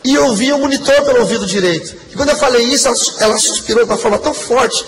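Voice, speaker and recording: A man's voice: very high voice, racing. A man giving an earnest, emotional testimony sermon to a congregation. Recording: long hall reverb, faint background noise.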